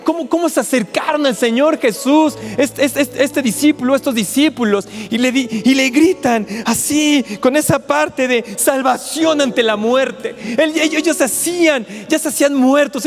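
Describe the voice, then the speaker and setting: High-voiced Mexican man preaching. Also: normal speed, hardly any pauses. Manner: conversational preaching, acts out pleading quotes. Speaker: pastor. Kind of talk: sermon. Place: large auditorium. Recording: echoey auditorium with faint music.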